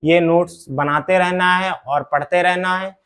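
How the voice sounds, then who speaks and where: A man teaching a poetry lesson to students, calling them "beta", asking questions and answering them himself, and chanting the verses slowly. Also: high voice, steady tone, fairly bright tone, smooth. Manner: addresses students as "beta", asks and answers his own questions. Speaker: Hindi teacher. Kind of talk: classroom lesson explaining poetry.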